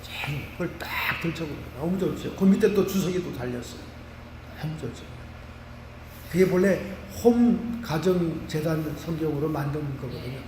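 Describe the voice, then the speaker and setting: A Korean man, a pastor, preaching a lively sermon full of homely examples. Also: fairly high pitch, normal speed, slight background noise. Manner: animated preaching with vivid everyday examples. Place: church sanctuary. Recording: roomy church hall from a distance.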